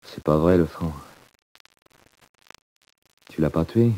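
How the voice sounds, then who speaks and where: A man's voice: low-pitched, takes it slowly, warm tone. An actor playing a proud, weary, hardened male convict in a 1940s radio drama, grave and bitter.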